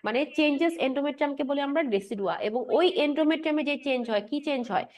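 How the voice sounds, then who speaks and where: A high-pitched woman lecturer races through a pharmacology class. She keeps asking the room questions, then answers them herself and repeats each point with a quick "right?". English drug and anatomy terms run all through her talk. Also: expressive. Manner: mixes English medical terms into her speech. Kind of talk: explanatory lecture with quiz questions.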